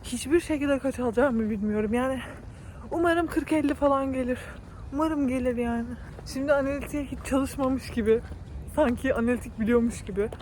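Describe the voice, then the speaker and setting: A woman's voice: high voice, fairly quick, darkish tone, a little hiss or hum. A young woman in her twenties, a university student, venting animatedly in a casual vlog, filmed on a phone outdoors. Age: 20s. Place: outdoors on campus streets, windy. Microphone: phone camera at arm's length.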